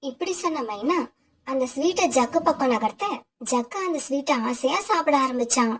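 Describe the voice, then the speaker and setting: A woman narrating a children's cartoon story in a steady, explanatory way. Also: high-pitched, moderate pace.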